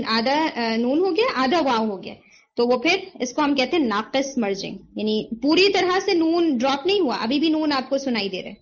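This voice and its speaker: A woman with a high-sitting voice teaches the rules of Quran recitation, patiently quizzing her students and confirming their answers as she explains. She mixes English terms into her lessons, and the recording has its highs cut off.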